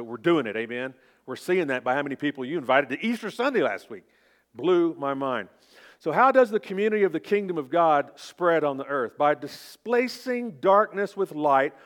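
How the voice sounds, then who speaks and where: A man's voice: a little high, animated, moderate pace, fairly bright tone. A man in his fifties with an Oklahoma accent, preaching as a pastor in a folksy, informal, self-deprecating way. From Oklahoma, United States. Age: 50s. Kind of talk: sermon.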